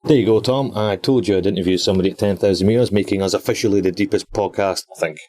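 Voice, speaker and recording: A British man hosting a podcast, chatting and laughing often while he records an audio log from inside a small deep-sea submersible. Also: fast talker, noisy background. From Britain. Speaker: expedition scientist and podcast host.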